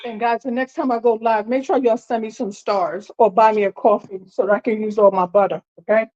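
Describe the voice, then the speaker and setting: A woman's voice: a little high, fairly even intonation, fairly quick, darkish tone. A woman, talking casually to viewers in her home kitchen and complaining with dramatic exasperation. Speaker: home cooking vlogger. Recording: dull lo-fi audio.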